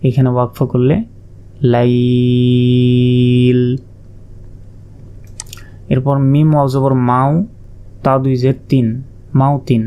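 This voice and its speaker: A man teaching Quran reading step by step, spelling out letters and drawing out the demonstration words in long, slow sounds. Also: mid-range voice, little pitch movement, muffled recording.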